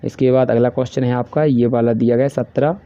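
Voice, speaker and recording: A man with a Hindi accent goes through a school worksheet, explaining each answer and reading the English questions out slowly. His voice is very dark and mellow, at a middle pitch for a man. The recording is a dry, close voice-over with a slightly dull, lo-fi sound. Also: fairly even intonation, no echo. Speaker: teacher.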